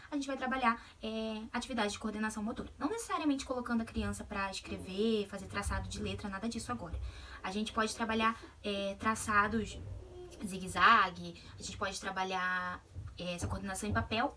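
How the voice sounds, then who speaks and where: A woman's voice: mid-range voice, bright, forceful tone, recorded from a distance, slight background noise. A Brazilian woman giving a video lesson on literacy, talking with many hesitations and check-ins to her audience. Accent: Brazilian Portuguese. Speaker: literacy educator.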